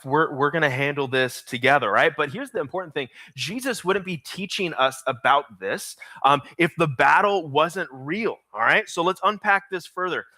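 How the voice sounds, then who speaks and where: A young man preaching energetically to middle school students, slowing down to stress key phrases. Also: on the high side, pushed and bright, dry recording. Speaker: youth pastor.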